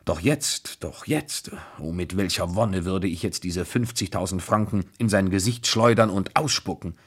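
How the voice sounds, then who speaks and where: Man reading a bitter proud young woman, husky lowish voice, agitated. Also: normal speed.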